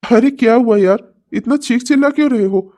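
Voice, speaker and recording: A sneering, taunting man in a cartoon comedy, as a woman voices him, pitched lower and dark in tone. He mocks with sly questions and then shouts in rage. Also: normal speed, lightly acted. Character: smug, taunting man getting revenge, later furious. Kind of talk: Hindi cartoon comedy voice acting.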